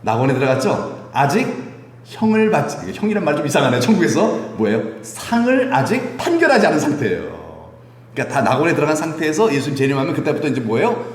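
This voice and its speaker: Male pastor preaching, animated pitch, long reverb of a church hall, light room ambience. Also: fast talker. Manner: lively, teasing the congregation with questions and chuckles. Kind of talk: sermon. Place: church sanctuary.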